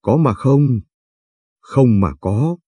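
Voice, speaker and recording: Timid soft-spoken young woman in an audiobook, polite and gentle, slow dark husky voice, as a male narrator reads her, dry close sound. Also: medium pitch, lively intonation, dry recording, exaggerated voice. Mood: shy, teasing. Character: shy, sweet young woman with a limp.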